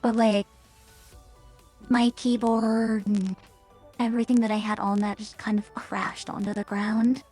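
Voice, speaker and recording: A woman's voice: mid-range voice, flat delivery, unhurried, long pauses, darkish tone, faint music behind. A woman VTuber chatting casually on stream through a staticky voice changer that cuts out, rambling with hesitant fillers.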